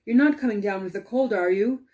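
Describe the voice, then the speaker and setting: A woman voicing a concerned, suspicious knight in a storybook tale, speaking formally with gentle, insistent scolding. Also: mid-range voice, fairly quick, highs cut off, natural voice.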